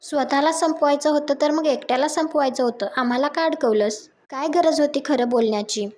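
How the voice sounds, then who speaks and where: A woman reading out the lines of a bitter, scheming woman who faces jail and swears revenge, in a plain high recap voice. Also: fairly quick, darkish tone, close to an everyday voice.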